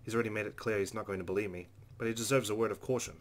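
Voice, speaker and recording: Low-voiced man reading a story aloud. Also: fairly even intonation, racing. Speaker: let's play host reading a visual novel aloud. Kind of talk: expressive read-aloud narration with casual asides.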